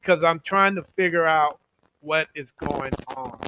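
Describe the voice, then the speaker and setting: A man's voice: a little high, unhurried. A man hosting a paranormal show, talking earnestly and ramblingly with many fillers over a crackly, staticky remote call line. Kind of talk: casual podcast chat.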